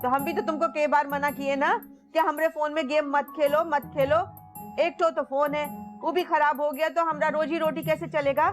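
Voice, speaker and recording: A woman's voice: sits high, flat delivery, normal speed, faint music behind, natural voice. An actress playing a fretting mother who scolds her daughter, speaking, in a TV drama. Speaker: actor.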